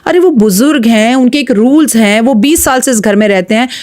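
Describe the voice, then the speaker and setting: A woman astrologer speaks as a podcast guest in a slightly high voice. Her tone is blunt, emphatic and preachy as she gives advice. She often retells stories in quoted dialogue. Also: fairly quick, a little mellow.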